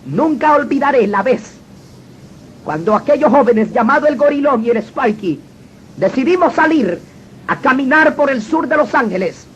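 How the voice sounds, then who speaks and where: A man's voice: very high-pitched, animated, moderate pace, a bit bright. A man telling his personal testimony in an earnest, dramatic storytelling manner. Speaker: testimony speaker. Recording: dull lo-fi recording with faint noise.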